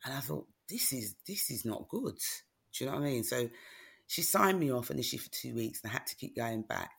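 A guest author, a middle-aged woman, talks frankly and plainly about her own experience in a laid-back conversation. Her gravelly, somewhat husky voice rumbles low and moves fast, punctuated by frequent "do you know what I mean?" check-ins.

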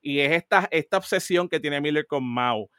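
Animated man, slightly high voice. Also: moderate pace, no room sound, clean studio sound. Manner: animated, mixes English words into Spanish, frequent restarts. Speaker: podcast co-host. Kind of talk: casual discussion of a TV series.

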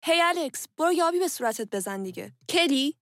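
An actress playing a tall, busy mother of two who calls out loudly to her family in an audio drama. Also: fairly high pitch, no echo, studio quality, natural voice. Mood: calling out.

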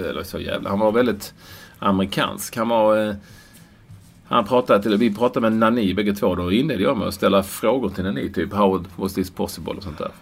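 A man in casual sports chat, rambling with restarts and playful mock shouts. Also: lowish voice, gravelly. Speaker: podcast co-host.

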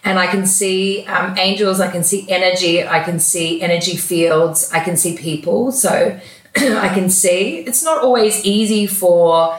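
A woman guest speaks with earnest, heartfelt conviction about her spiritual work. Her voice sits a little low. The recording has a roomy echo around it. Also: measured pace. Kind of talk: interview conversation.

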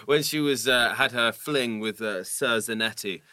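A man's voice: mid-range voice, unhurried, pushed and bright. A man co-hosting a podcast in casual, teasing banter. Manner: teasing, playful. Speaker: podcast co-host.

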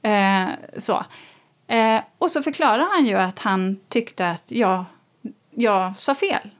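A woman in casual conversation, telling a personal story in a lively way and acting out what people said. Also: medium pitch. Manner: animated storytelling, acts out quoted lines. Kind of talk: casual chat.

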